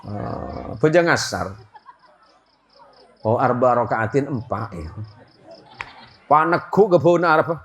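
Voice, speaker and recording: A middle-aged man preaching a humorous sermon to a gathering, telling an anecdote with animated, switching local speech. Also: medium pitch, takes it slowly, pauses often, slight background noise. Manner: animated storytelling, switches between Madurese-style local speech and Indonesian. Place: religious school gathering, audience laughing.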